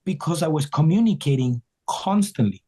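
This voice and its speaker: A guest musician from Ecuador speaks in a casual interview, talking earnestly in loose, rambling sentences and often restarting. His voice sits on the high side and is husky and warm, animated, at a moderate pace.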